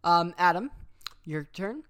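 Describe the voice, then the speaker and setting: Lively quizmaster reading questions. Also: medium pitch, slow pace, clean tone. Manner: lively, teasing question reader. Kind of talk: reading trivia questions, casual.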